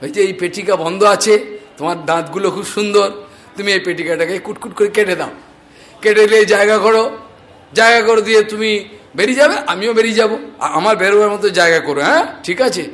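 A man's voice: sits high, brisk, fairly bright tone. A man voicing a sly male snake who coaxes a mouse with false friendliness while telling a sacred story. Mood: coaxing.

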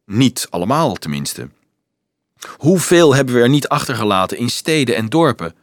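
A man's voice: medium pitch, moderate pace, no echo, studio quality, lightly acted. A man voicing a mocking, worldly young male student in an audiobook. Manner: mocking, animated.

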